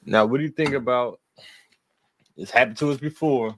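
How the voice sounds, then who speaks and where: A man's voice: medium pitch, normal speed, no room sound. A man co-hosting a podcast, talking football in a profane, laughing, trash-talking way. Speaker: podcast co-host. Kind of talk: casual sports chat.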